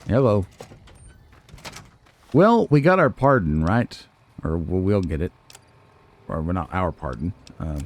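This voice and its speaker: Low and creaky with a darkish tone, this gaming video host's voice drifts through relaxed let's play commentary as he muses aloud and jokes at his own expense.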